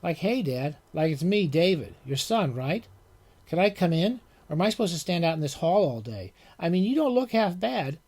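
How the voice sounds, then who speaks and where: A man's voice: a little high, big pitch swings, normal speed, a little mellow, voice pushed up. A man voicing a brash young adult son who talks casually, peppering his speech with "like.". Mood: breezy. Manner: chatty, full of "like" fillers.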